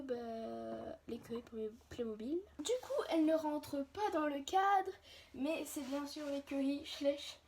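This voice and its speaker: A young woman chatting casually and hesitantly in a homemade vlog, often interrupting herself, with colloquial, mildly sweary wording, recorded on a phone. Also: high voice. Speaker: hobby video creator. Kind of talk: casual vlog, rambling chat while showing a toy collection. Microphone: phone on a tripod or handheld. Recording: phone recording with clear background noise.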